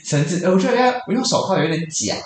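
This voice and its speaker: A woman co-hosting a casual podcast chat, chiming in with short replies and bursting into loud laughter. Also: on the low side, animated, very fast, a little hiss or hum. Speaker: podcast co-host. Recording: echoey room, distant mic.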